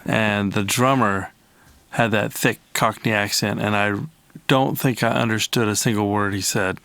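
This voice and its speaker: Smooth-voiced man with dry teasing wit. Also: fairly low pitch, fairly even intonation, a little slow, fairly bright tone, no echo. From Ohio. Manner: dry, teasing one-liners. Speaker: podcast co-host, musician. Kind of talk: casual chat.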